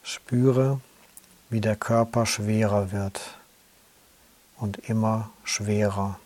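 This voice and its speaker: Slow, calm male relaxation guide. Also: fairly low pitch. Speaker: yoga nidra guide.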